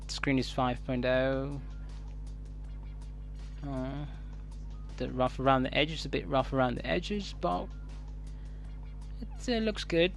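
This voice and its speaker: A man with a Kenyan, East African accent talks through an unboxing in a casual reviewer's style. His pitch sits in the middle range for a man, and he speaks in halting phrases as if thinking aloud. Music plays behind his voice. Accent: Kenyan English. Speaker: tech reviewer.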